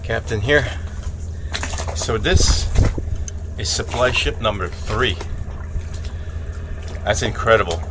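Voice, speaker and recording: A man hosting a sailing vlog as the boat's captain, commenting in a relaxed, wry way. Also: fairly low pitch, slow, long pauses, background noise. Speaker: boat captain and vlog host.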